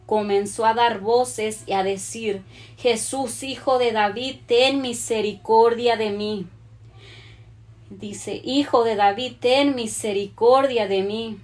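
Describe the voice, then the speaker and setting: A woman preaching a sermon to a women's group, reading scripture aloud and slowing down on the verses. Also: a little high. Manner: earnest, slows down when reading scripture.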